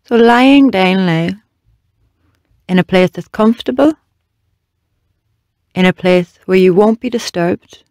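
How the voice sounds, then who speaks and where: Speaking slowly and with long pauses, a meditation guide gently instructs listeners through a body scan. The medium-pitched voice is captured cleanly in a studio with no echo.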